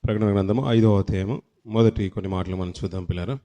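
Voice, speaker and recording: A man preaching a sermon as a pastor. He reads scripture slowly and loudly, then explains it in a conversational way, often restarting words and calling his listeners children. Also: fairly low pitch, steady tone.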